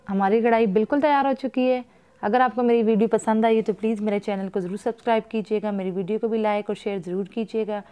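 A woman's voice: mid-range voice, steady tone, fast talker, dark tone, clear, resonant tone, lo-fi sound. A young woman with a Pakistani Urdu accent narrating a recipe for her cooking vlog in a chatty way, speaking to viewers as friends.

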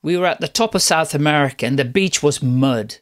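A man's voice: a little high, a little fast. A middle-aged man from the Netherlands, a podcast guest chatting at length about his life in a rambling, restarting way. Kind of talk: casual interview storytelling.

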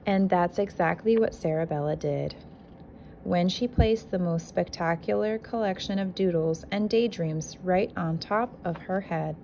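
A kindergarten teacher with a slightly low voice reads a picture book aloud to young children, her delivery expressive and deliberate. She films the book on a handheld phone indoors, and background noise is clearly audible around her voice.

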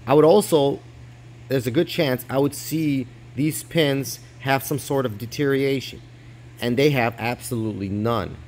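At a desk indoors, a man with a medium-pitched, darkish voice explains crypto mining hardware at a moderate pace in a laid-back, step-by-step tutorial. He shoots close-up footage of his hands on his phone.

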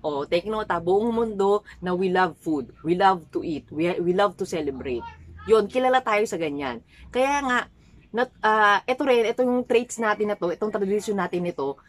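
A woman from the Philippines, vlogging casually and chatting straight to her viewers with lively swings in her voice. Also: moderate pace. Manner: chatty, addresses viewers as guys, animated pitch swings. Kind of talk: casual vlog talk to viewers.

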